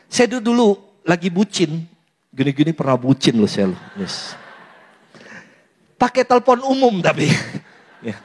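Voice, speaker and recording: High-voiced chatty priest. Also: male voice, sing-song, unhurried, long pauses, slight background noise. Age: young adult. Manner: chatty storytelling, acts out quotes, laughs often. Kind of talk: humorous homily.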